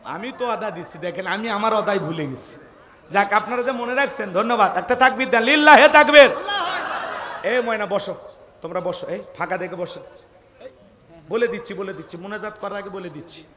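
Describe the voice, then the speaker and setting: A man's voice: high voice, brisk, in a large hall. A man from Bangladesh preaching a waz sermon, rousing the crowd and calling on them to answer and say amen.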